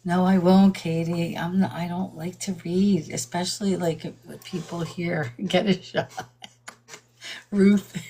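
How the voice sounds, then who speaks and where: A woman's voice: on the low side, level tone, measured pace, dark tone, breathy edge. An older woman hosting a live stream, chatting casually, laughing often and greeting viewers by name. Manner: admits nervousness about reading aloud.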